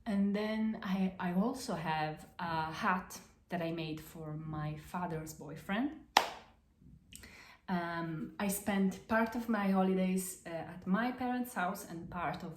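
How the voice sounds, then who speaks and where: This Italian woman hosts a podcast and casually shows her crafts, speaking slowly and hesitantly with many fillers and self-corrections. She has a fairly low voice and an accent, and the echoey recording has a faint hiss or hum.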